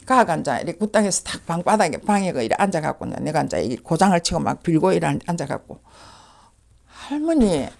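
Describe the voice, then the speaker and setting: A woman's voice: sits low, lively intonation, quick pace, vocal fry, few pauses, darkish tone. A woman shaman with a Gyeongsang accent, telling a story in casual chat and acting out the voices of the people in it.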